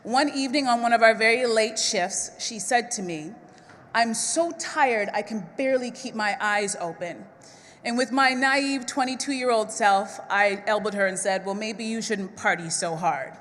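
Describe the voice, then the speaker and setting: A woman emcee speaks from a podium in a large event hall, her voice pitched a little high. She talks with feeling and works to hold back tears. Long reverb trails each phrase. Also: normal speed, fairly bright tone. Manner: tearful, fighting back tears. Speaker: event host, TV co-host. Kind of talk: emotional event speech.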